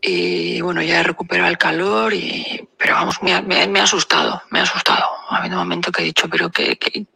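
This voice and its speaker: A woman recounts a personal experience in a phone voice note, halting and full of fillers. Her voice is gravelly and husky. The recording is dry and close. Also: fairly low pitch, animated, sharp tone, no echo, poor audio. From Basque Country, Spain. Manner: hesitant, many fillers and pauses. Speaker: caller sending a voice message.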